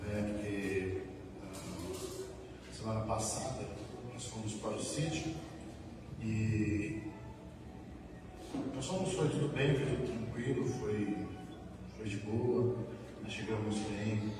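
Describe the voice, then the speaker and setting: A man's voice: fairly low pitch, steady tone, takes it slowly, long pauses. A man with a Brazilian Portuguese accent giving a rambling, repetitive spoken testimony at a church service. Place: church hall. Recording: echoey church hall from far off with background noise.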